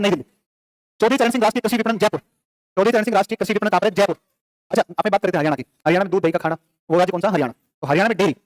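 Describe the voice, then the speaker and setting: A male teacher, lecturing a classroom, quizzing students and answering his own questions in quick repetitive drills. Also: high-pitched, dry recording.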